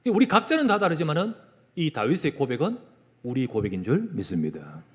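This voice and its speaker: A male pastor with a Gyeongsang Korean accent preaching a sermon in a church, moving between loud emphasis and hushed whispers. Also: fairly high pitch, wildly swooping pitch, a little fast. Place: church sanctuary. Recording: long church hall reverb.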